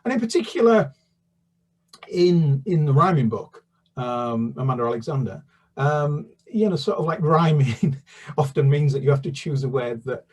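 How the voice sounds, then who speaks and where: Fairly high in pitch and husky, the voice is that of a children's author from the UK. He first chats about his books, restarting again and again and leaning on fillers, then moves into a steady read-aloud of a chapter.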